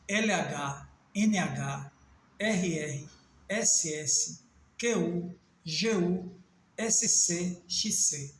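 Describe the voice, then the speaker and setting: A man from Northeast Brazil with a Northeastern Brazilian accent, teaching a Portuguese grammar video lesson and spelling out letters slowly with small self-corrections. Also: high-pitched, roomy sound, slight background noise.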